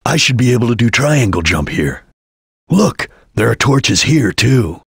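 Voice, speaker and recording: A serious ninja chameleon from a video game. The voice is heavily husky and breathy, recorded close and dry. The delivery is solemn, terse and watchful, with a disciplined formality. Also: male voice, mid-range voice, sing-song, measured pace, fairly bright tone, no room sound, heavily acted. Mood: guarded, calm. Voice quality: husky, gravelly. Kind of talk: English video game voice acting.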